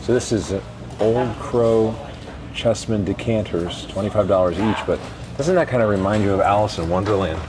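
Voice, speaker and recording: Guy vlogging thru an antique mall, low-ish voice, super excited, noisy handheld audio. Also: normal speed. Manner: enthusiastic, exclamatory. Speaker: vlog host. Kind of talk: casual walkthrough narration. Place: antique mall, large indoor store. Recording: noisy handheld store recording.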